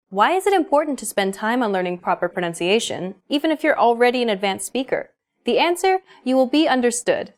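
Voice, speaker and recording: A woman reading a scripted language-lesson narration in a bright, clearly articulated way. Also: a little high. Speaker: lesson presenter. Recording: faint music underneath.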